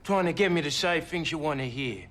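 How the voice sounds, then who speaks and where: Australian man, an agitated junkie pensioner on the stand, rambling and indignant, high and lively, swoops all over. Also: fairly quick. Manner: rambling, indignant, slangy, repeats "mate". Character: agitated scruffy male pensioner addict witness, cocky and evasive. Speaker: witness in court. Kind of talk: film drama acting.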